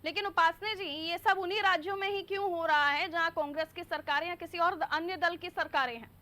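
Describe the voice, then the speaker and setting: Woman, TV news anchor, high voice, pointed follow-up questions. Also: fairly even intonation, a little fast, bright, forceful tone. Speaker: news anchor interviewing a guest. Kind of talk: TV news interview.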